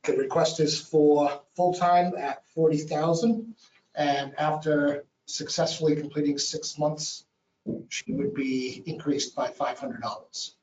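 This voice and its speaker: A man's voice: fairly high pitch, steady tone, a little slow, darkish tone. A man with a Boston accent, a development authority director, politely presenting a hiring request to commissioners. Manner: polite, formal. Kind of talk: presenting a request at a public meeting. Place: county meeting room. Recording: distant, echoey, dull audio with faint noise.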